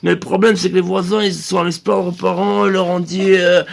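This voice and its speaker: A man telling a rambling comic story in a loose, hesitant way, now and then breaking into shrill bird-call squeals. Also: level tone, a little fast, gravelly. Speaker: comedian.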